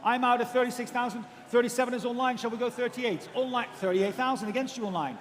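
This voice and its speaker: Male auctioneer, high voice, chanting numbers and courteous bid prompts at speed; long room reverb. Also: steady tone, a little hiss or hum. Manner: rapid, repetitive chanting of figures with polite prompts to bidders. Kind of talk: live auctioneer's bid calling.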